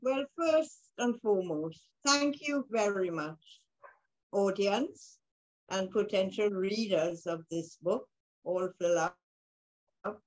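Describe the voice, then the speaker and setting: A woman's voice: medium pitch, animated, takes it slowly, highs cut off. A woman in her sixties with a Vincentian accent, talking conversationally about herself as an interview guest. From Saint Vincent and the Grenadines. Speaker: guest, poet and author. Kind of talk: conversational autobiographical interview answer. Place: room at home indoors. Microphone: video call.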